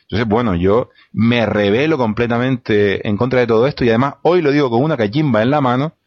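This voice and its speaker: A man's voice: medium pitch, brisk, no echo, dull audio. Emphatic man arguing in a debate. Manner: emphatic, rhetorical, with many hesitant fillers. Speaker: debate guest. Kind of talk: impassioned studio debate argument.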